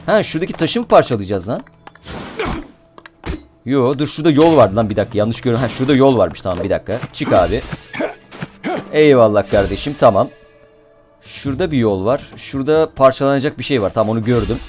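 A young man giving casual gameplay commentary as a channel host, excitable, swearing and shouting when frustrated. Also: medium pitch, fast talker, long pauses, soft background music.

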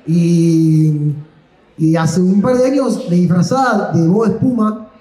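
A man's voice: high voice, slow, mellow. A young man with an Argentine accent telling a rambling, slangy, self-deprecating story onstage as a stand-up comedian. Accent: Argentine Spanish. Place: comedy stage. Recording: echoey live room.

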